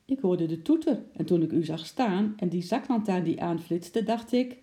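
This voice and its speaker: A flustered husband in a read-aloud storybook, stammering out apologies, as the narrator puts him on. The voice is gravelly and dark. It sits a little above the narrator's own. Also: mid-range voice, lively intonation, moderate pace, natural voice. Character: flustered middle-aged husband. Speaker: storybook character.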